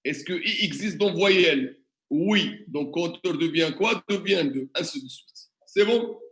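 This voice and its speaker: A man teaches a classroom tutorial, asking students questions and walking through examples one step at a time. His voice is high and bright, and he talks at an unhurried pace. The sound is roomy, with the echo of a classroom. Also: lively intonation. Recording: echoey classroom.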